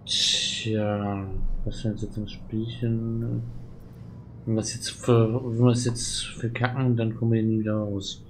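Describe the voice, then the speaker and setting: Low, flat-toned man commenting gameplay. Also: measured pace, slight background noise, low-quality recording. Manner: reads game text aloud, thinks out loud. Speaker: let's player, channel host.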